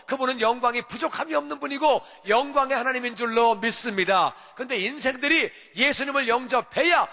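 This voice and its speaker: A man's voice: very high voice, bright, forceful tone, long reverb tail. A male pastor preaching a sermon in an emphatic, repetitive way, pressing his points again and again with rising calls. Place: church sanctuary.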